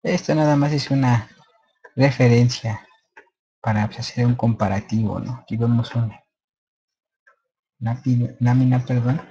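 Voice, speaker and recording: A man's voice: medium pitch, fairly even intonation, a little slow, long pauses, dark tone, highs cut off. A man presenting a slide lecture in casual unscripted speech, hesitant with many fillers and restarts.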